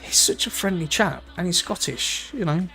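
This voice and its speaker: A man's voice: sits high, animated, moderate pace, bright, forceful tone, soft background music. A man, commentating a sim racing event live in a chatty, rambling way and laughing easily. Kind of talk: live esports race commentary.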